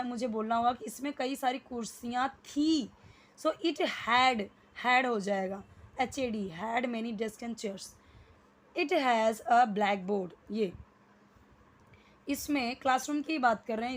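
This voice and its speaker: A woman teaching an English lesson, slowly explaining and repeating example sentences for beginners. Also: a little high. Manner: slow, repetitive explaining, drilling example sentences. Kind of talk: spoken English lesson in Hindi.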